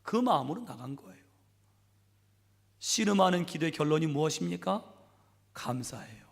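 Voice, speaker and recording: Male pastor, high gravelly voice, emphatic sermon, reverberant church hall. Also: expressive, moderate pace. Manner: emphatic storytelling, often calls out to the congregation. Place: church sanctuary.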